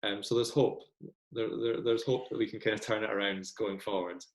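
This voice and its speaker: A man's voice: on the low side, fairly even intonation, a little fast, reverberant, low-quality recording. A young Scottish man talking casually as a podcast guest, chatty and self-deprecating with lots of ums. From Scotland. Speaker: guest football fan.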